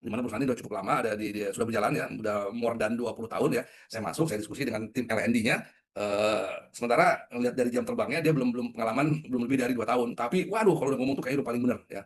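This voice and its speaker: Male trainer, middle-aged, very quick delivery, chatty webinar style, mid-range voice. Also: medium pitch. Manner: conversational, asks the audience questions. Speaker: leadership trainer. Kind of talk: webinar talk.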